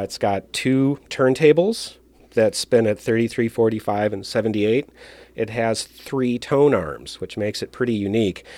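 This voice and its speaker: Over old records spinning in the background, a man with a fairly low, darkish voice chats casually while demonstrating things as a record collector and DJ. Apart from the music, the recording is dry.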